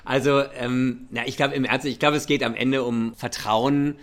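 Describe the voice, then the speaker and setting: A man with a medium-pitched voice speaks German with a light American accent. He answers like an executive in a conversational interview, feeling for his words and slipping in English business vocabulary. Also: steady tone, normal speed. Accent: slight American accent in German. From Germany and the United States. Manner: hesitant, mixing English business terms into German. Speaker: airline chief executive.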